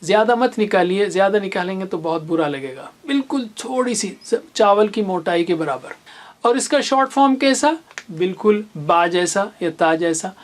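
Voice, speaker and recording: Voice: mid-range voice, animated. Patient teacher modeling letter sounds. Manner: slow and patient, repeats sounds for the learner. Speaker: Quran reading teacher. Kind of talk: recorded lesson with memory stories.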